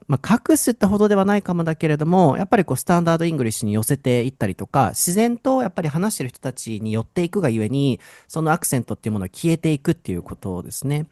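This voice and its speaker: A young man from Osaka with an Osaka accent, hosting an unscripted English conversation lesson in a lively, chatty way. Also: on the high side, no echo, studio quality. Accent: Osaka Japanese. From Osaka, Japan. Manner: lively, chatty, switches between Japanese and English. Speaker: English teacher and podcast host.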